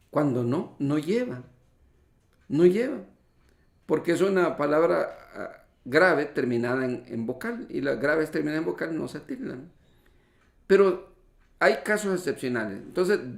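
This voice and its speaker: A man's voice: on the high side, gravelly. A man preaching a sermon who explains the meaning of words step by step and often calls his listeners brothers. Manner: teacherly, explains word meanings and spelling rules. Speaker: pastor. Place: church hall. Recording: echoey church livestream.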